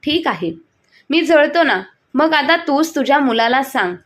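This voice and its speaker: A woman voicing a calm, weary older father-in-law who speaks mildly and with resignation. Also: high voice, unhurried.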